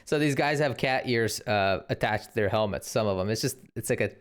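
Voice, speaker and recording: Low-voiced man musing aloud. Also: brisk, clean tone. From Ukraine. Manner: rambling, restarts often, thinks aloud. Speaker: reaction video host. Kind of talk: casual commentary.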